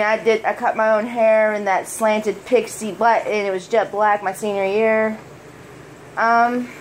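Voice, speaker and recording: A young American woman with a fairly high, preppy-sounding voice chats casually as a vlogger, blunt and sweary in manner. The recording is low quality, with faint background noise, in the style of casual personal vlog talk.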